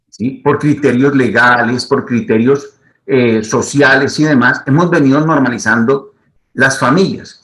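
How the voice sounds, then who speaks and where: A man's voice: medium pitch, fairly bright tone, low-quality recording. A middle-aged man, a psychologist, giving advice to the camera in a teaching manner and repeating his key points. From Colombia.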